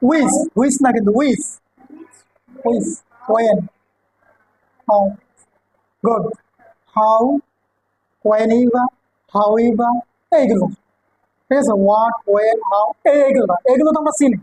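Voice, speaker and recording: A woman with a Bengali accent leads a coaching-center English lesson in a high, bright voice. She explains grammar step by step and keeps asking her students whether they understand. The sound is close and dry. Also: takes it slowly, pauses often, dry recording, low-quality recording. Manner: checks understanding with repeated questions to students.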